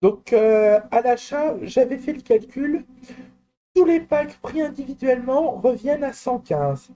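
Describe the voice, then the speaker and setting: Man, high voice, slow and halting, software tutorial walkthrough, mellow tone. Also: lively intonation, slight background noise. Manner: hesitant, frequent fillers and restarts; explanatory, personal asides. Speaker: tutorial presenter. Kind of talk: screen-recorded software walkthrough.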